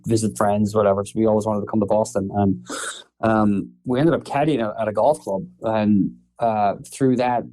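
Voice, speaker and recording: A man's voice: medium pitch, mellow, rough recording. A man from Ireland with an Irish accent, a guest in a casual podcast interview, telling stories and laughing often. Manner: chatty, laughs often, storytelling. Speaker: guest, soccer marketing executive.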